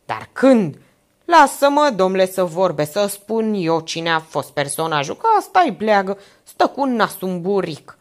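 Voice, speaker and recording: A woman voicing a hot-tempered old man who bursts in shouting and ranting in an audiobook. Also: mid-range voice, very animated, lightly acted. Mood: furious.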